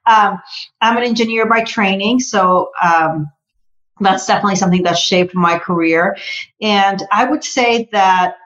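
A woman from Costa Rica with a Spanish accent, a guest chatting in a friendly, relaxed way with many fillers. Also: medium pitch, measured pace, lo-fi sound. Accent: Costa Rican Spanish. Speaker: guest, tech executive. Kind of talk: casual interview chat.

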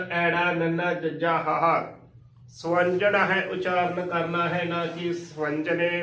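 A man teaching the correct pronunciation of sacred scripture, spelling out each word slowly and methodically and repeating it. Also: on the high side, a bit bright. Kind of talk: religious pronunciation lesson. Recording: echoey room, voice from a distance.

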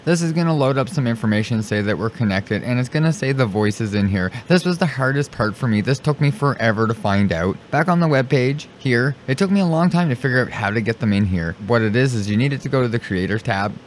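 A male streamer walks through software steps in a casual, informal screen tutorial, repeating himself as he narrates each click. His mid-range voice is animated and fairly quick, with few pauses, and the home recording is clearly noisy.

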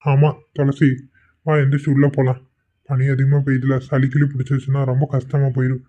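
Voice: medium pitch, flat delivery, fairly quick, muffled recording, natural voice. Someone voicing a caring, worried cartoon husband. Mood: gentle. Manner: gentle, concerned. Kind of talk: Tamil cartoon voice acting.

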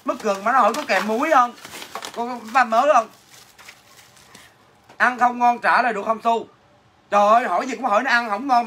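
A man's voice: sits high, sharp tone, slight background noise. Brash Southern Vietnamese man doing comic livestream sales banter, clattering dishes behind him. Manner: brash, teasing, answers viewer comments mockingly. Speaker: livestream seller.

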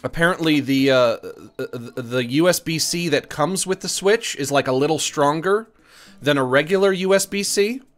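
A man's voice: a little high, moderate pace. A man giving casual, playful video game commentary, often silly and repeating himself.

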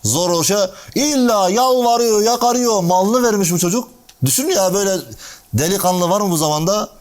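A male preacher telling a religious story in a casual sermon, acting out the dialogue and speaking directly to listeners by name. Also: moderate pace. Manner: animated storytelling, acting out dialogue with shifting pitch.

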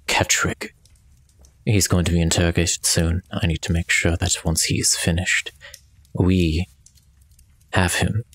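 A man playing a tabletop game, speaking in character in a measured, formal, quietly menacing way. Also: deep voice, flat delivery, dry recording. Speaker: player. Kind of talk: in-character tabletop role-play.

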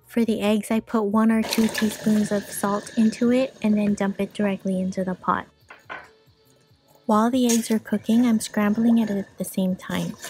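A woman giving calm, matter-of-fact voice-over instructions for a home cooking video, explaining each step plainly. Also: mid-range voice, normal speed, faint music behind. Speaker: frugal cooking vlogger.

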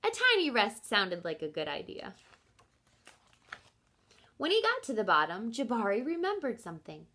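Here a teacher in her thirties reads from a picture book at normal speed, her voice on the high side and broken by long pauses. Expressive and instructive, she speaks straight to the children, stopping to explain and ask them questions.

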